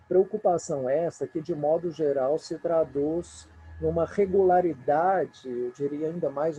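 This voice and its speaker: A man's voice: fairly high pitch, warm tone, slight background noise, rough recording. A man with a Brazilian Portuguese accent teaching a recorded remote lesson, patiently counting poetic syllables aloud.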